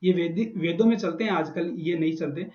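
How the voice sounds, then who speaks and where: This lecturer speaks fairly quickly, with a fairly high and slightly mellow voice, as he walks a college class through Sanskrit grammar. He patiently repeats and spells out sounds, and the room recording comes across echoey and dull.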